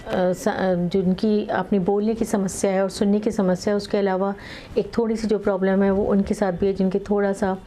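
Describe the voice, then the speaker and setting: Middle-aged woman lawyer talking slow n steady, lots of uhs, pretty flat tone. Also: mid-range voice, slight background noise. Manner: measured, many filler pauses, mixes English legal terms into Hindi. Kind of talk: explaining in conversational interview.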